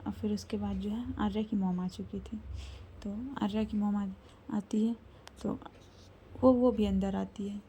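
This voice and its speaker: A woman narrating a serialized love story in a soft, often half-whispered manner. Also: medium pitch, fairly even intonation, a little slow, a little hiss or hum, low-quality recording.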